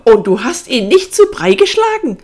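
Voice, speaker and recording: A woman reading aloud voices a volatile, distraught young woman with a shrill, hissing voice. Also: big pitch swings, slow, heavily acted. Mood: furious shrill. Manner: lurching between fury and despair.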